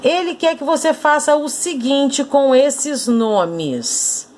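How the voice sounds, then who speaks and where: A woman with a Brazilian Portuguese accent teaching an online lesson, saying words slowly and clearly and asking the students questions. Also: high voice, expressive, a little mellow. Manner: slow, clearly stressed syllables, asking questions.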